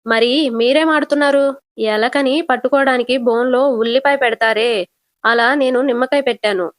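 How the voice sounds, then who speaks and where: Woman doing an angry husband, scornful and accusing, kinda high, dry. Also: fairly even intonation, normal speed, dry recording, close to an everyday voice. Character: blunt angry young husband.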